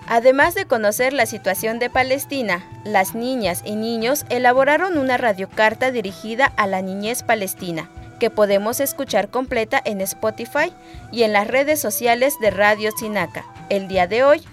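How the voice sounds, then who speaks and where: A woman hosting a community radio program, reading a scripted narration in a clear, measured way. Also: fairly high pitch, faint music behind.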